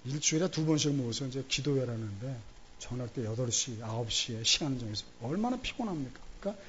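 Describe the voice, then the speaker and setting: A man's voice: medium pitch, lively intonation, fast talker, fairly bright tone, highs cut off, a little hiss or hum. A man preaching a Sunday sermon in a church, telling a story animatedly and acting out the voices of church members. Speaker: pastor. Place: church sanctuary during Sunday service.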